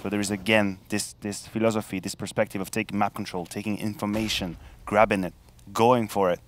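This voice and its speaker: A man's voice: lowish voice, little pitch movement, brisk. A man working as an esports caster, giving live commentary on a video game match. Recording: gunfire and game noise behind voice. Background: video game gunfire and clicks.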